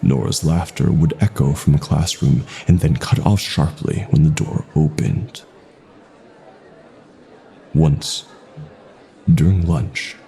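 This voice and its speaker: With a bass voice and vocal fry, a man narrates a scripted horror story, pausing deliberately. At times his phrases trail off into hushed breath.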